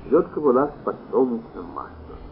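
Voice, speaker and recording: A man narrating a literary story aloud in an expressive, animated reading style. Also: mid-range voice, a little fast. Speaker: audiobook narrator. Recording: tinny phone-like sound, faint noise.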